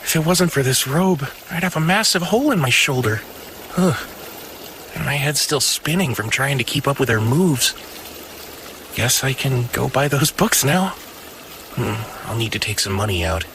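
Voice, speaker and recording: A man voicing a cocky, wry young fighter hero in an animated, overacted anime dub style. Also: medium pitch, normal speed, a little hiss or hum. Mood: relieved, musing.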